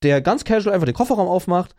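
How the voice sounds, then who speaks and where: A man's voice: high voice, fast. A young man, co-hosting a casual podcast and animatedly acting out a story. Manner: animated storyteller, acts out quoted dialogue. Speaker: podcast co-host.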